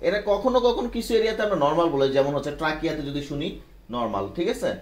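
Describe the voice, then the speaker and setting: A man's voice: a little high, animated, fast talker. A man teaching a medical class, often quizzing students and checking they follow. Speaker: medical instructor. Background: students answering.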